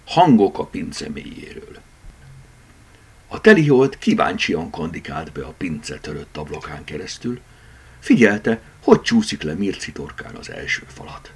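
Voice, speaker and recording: A man narrating a children's book chapter, expressive and dramatic in his storytelling. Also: low voice, husky. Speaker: audiobook narrator. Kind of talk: scripted narration.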